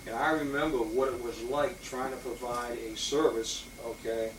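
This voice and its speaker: A man's voice: medium pitch, steady tone, moderate pace. Man rambling through a history talk. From Boston, Massachusetts. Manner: rambling, many fillers and restarts. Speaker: police lieutenant giving a talk. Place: historic house meeting room. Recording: roomy, distant mic with loud hiss.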